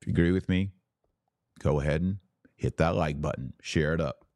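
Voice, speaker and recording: In a bass voice with a darkish tone, this podcast host speaks at a moderate pace, delivering a preachy, emphatic religious monologue addressed straight to his listeners. Rhetorical questions and asides run throughout, and the clean studio sound has no echo.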